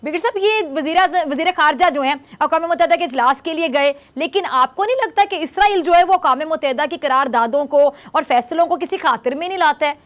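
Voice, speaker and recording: A woman's voice: high-pitched, fast, few pauses, a bit bright. A woman from Pakistan hosting a current-affairs TV talk show, assertive, cutting in and steering her guests.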